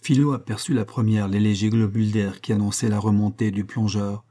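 Male reader of a classic story, measured and expressive, warm, mellow tone. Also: on the low side. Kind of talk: scripted narration of a classic tale.

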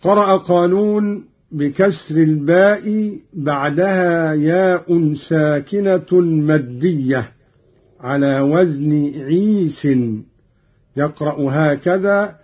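A fairly high, husky male voice explains Quran readings at a very slow, deliberate pace, stopping often to recite examples melodically. The sound is dull and lo-fi.

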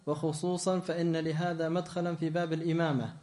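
Male student reader, raised pitch, flat monotone reading aloud. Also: fast. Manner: reads in a flat voice with small restarts.

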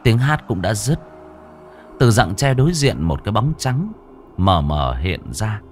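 A man narrating a ghost story in a dramatic, expressive way. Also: on the low side, measured pace. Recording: faint background music.

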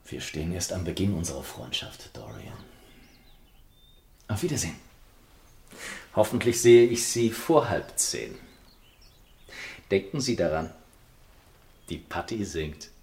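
An actor playing a worldly, cynical and persuasive lord in a German radio drama, speaking in a theatrical, declamatory way. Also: male voice, low voice, sing-song, a little slow, creaky, long pauses, darkish tone, exaggerated voice. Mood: suave, casual.

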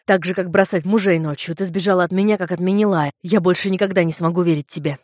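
A woman reads as a hurt young prince, his words wounded and accusing. The voice sits low and close, in a dry, deadened sound. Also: steady tone, quick pace, darkish tone, no echo, natural voice. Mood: bitter. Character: hurt, reproachful young prince, the narrator's lover.

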